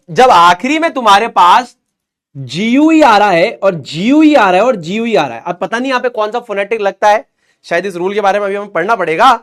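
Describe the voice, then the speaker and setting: A young man teaching a lesson in a lively, joking way, repeating questions and answers to drill them in. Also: sits high. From Rajasthan, India. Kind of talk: explanatory lesson.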